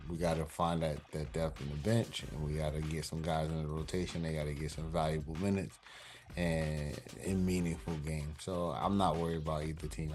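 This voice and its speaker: A man co-hosting a sports podcast in casual chat, relaxed and quick to laugh. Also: rumbling low. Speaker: podcast co-host.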